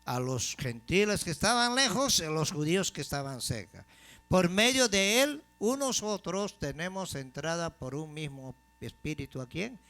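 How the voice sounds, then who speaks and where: A man preaches to his congregation in a fairly high voice. He pauses on questions for them to answer and slows down to stress the key words. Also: big pitch swings, fairly bright tone. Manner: call-and-response questions to the congregation; emphatic preaching, slowing for key phrases. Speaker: pastor. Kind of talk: sermon.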